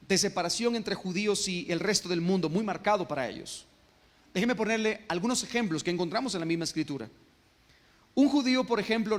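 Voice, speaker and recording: A man's voice: sits high, in a large hall. A male pastor preaching a sermon, often stopping to ask his congregation questions. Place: church sanctuary.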